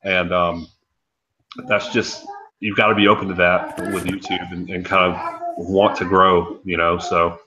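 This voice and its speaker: A man's voice: sits low, flat delivery, unhurried, background noise. A man hosting a casual video-call panel, talking in an easygoing, encouraging way with lots of fillers. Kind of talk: casual chat. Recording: dull lo-fi video call audio.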